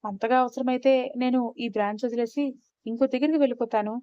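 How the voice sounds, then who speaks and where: A woman's voice: fairly high pitch, fast, mellow, no echo, close to an everyday voice. A woman voicing a tipsy, irritated young male manager who talks bluntly and with exasperation, in a story reading. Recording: slightly dull, muffled recording.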